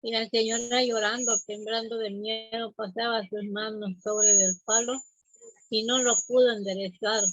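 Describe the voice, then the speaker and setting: A woman telling a traditional folk tale aloud in an unhurried, halting way, often repeating words. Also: on the high side, little pitch movement, no echo, rough recording. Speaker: storyteller.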